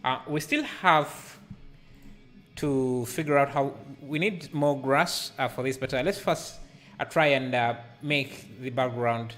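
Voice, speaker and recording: A man's voice: medium pitch, takes it slowly, a bit bright, faint music behind. A man in his thirties streaming a live 3D art session, thinking aloud with many fillers and answering chat as he works. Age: 30s. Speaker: livestreaming 3D artist. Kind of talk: casual live tutorial, reading chat aloud. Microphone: headset microphone.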